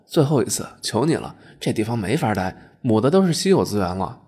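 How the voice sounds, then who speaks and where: A man's voice: fairly low pitch, very animated, fairly quick, dark tone, husky, heavily acted. A man voicing a foolish modern man thrown into the past, who talks in a whiny, pleading way. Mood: begging.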